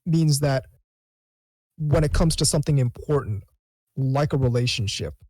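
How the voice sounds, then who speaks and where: A man talks as a guest on a podcast, earnest and a little halting as he restarts phrases. The sound is dry, with no room around it. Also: medium pitch, darkish tone, no echo. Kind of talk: casual chat.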